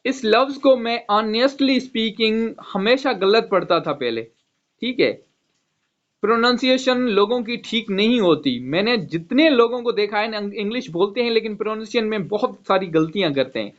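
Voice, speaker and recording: A man's voice: high voice, lively intonation, normal speed. A man teaching an online English vocabulary lesson, spelling each word letter by letter and saying "okay" again and again. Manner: spells words letter by letter, repeats "okay" often. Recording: dull lo-fi online class audio.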